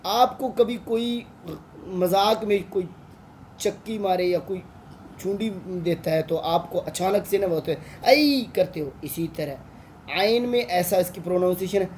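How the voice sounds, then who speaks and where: A man's voice: high voice, a little slow, darkish tone, a little hiss or hum. A man with a Pakistani Urdu accent, an online Quran tutor patiently teaching Arabic letters and drawing out each sound.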